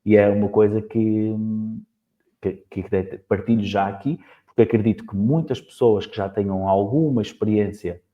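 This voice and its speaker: A man with a European Portuguese accent hosts a casual interview, his voice pitched fairly low. He talks quickly and keeps restarting his sentences. The sound is thin and tinny, like a phone line. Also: warm tone. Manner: fast, halting speech with many restarts. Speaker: podcast host.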